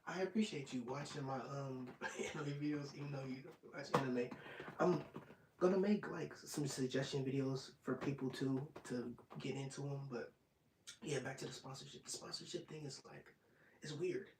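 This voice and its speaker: A man of twenty-five hosting an ASMR live stream, chatting casually and rambling, sometimes dropping into soft whispers. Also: medium pitch, moderate pace, far from the mic. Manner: rambling and relaxed, drops into soft whispers at times. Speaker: ASMR channel host. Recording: roomy, off-mic sound with faint noise.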